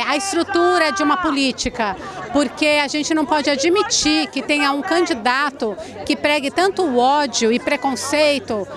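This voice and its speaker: A woman from São Paulo, Brazil, speaking earnestly as a protester in a street interview outdoors in a city. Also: high voice. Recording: crowd noise around.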